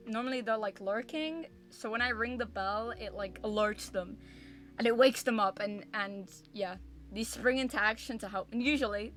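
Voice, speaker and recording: A woman's voice: fairly high pitch, a bit bright. A woman chatting casually on a livestream as a variety streamer, with a cute, bubbly, apologetic anime-streamer manner. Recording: music behind the voice. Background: music.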